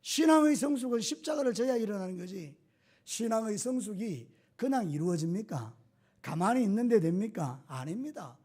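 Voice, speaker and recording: Male pastor, very high-pitched, emphatic sermon delivery with rhetorical questions. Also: a little mellow.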